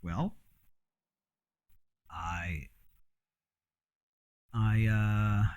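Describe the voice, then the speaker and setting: A man's voice: lowish voice, fairly even intonation, extremely slow, a little mellow, highs cut off. A man who grew up in Mexico, talking in a rambling, frank casual monologue with frequent fillers and the odd curse. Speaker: host.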